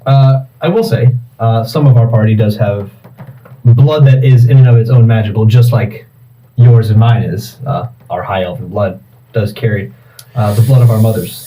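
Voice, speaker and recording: A man playing a tabletop game in character, talking smoothly and politely like a merchant. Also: on the low side, fairly even intonation, normal speed, dark tone, far from the mic, rough recording. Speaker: player. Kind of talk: in-character tabletop role-play.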